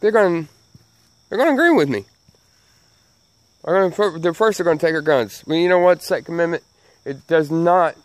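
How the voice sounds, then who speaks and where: A channel host from the Southern United States delivers a folksy, emphatic opinion rant to camera, repeating his phrases. His voice sits on the high side with lively intonation and a fairly quick pace, broken by frequent pauses, and there's no room sound. Missing front teeth leave his sibilants slightly slurred.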